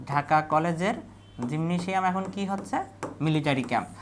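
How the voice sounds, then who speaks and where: A woman teacher with a Bangladeshi Bengali accent, leading an exam revision lesson, asking questions and repeating the answers slowly. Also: low voice, a little hiss or hum.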